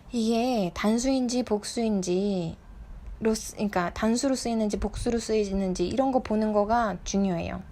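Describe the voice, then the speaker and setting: A woman teaching an English lesson online, explaining expressions step by step, asking her students questions and reading example lines slowly. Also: a little high, darkish tone.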